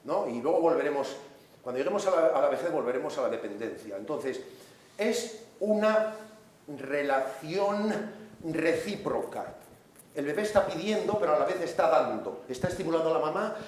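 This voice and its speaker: A man's voice: on the high side, expressive, fast, darkish tone. A man giving a seminar lecture in a large hall. He explains step by step, often checks in with the audience, and briefly acts out the voices he quotes. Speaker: seminar speaker and author. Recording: very echoey hall recording.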